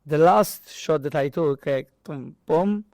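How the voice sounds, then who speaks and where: Speaking slowly in a fairly high, darkish voice, a boxer and boxing trainer from Malta tells casual, animated stories as an interview guest. He acts out dialogue and impact sounds in Maltese-accented, non-native English, and the studio-quality recording has no echo.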